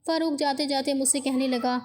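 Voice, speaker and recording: A woman narrating a dramatic first-person story in an emotional, expressive way. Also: sits high.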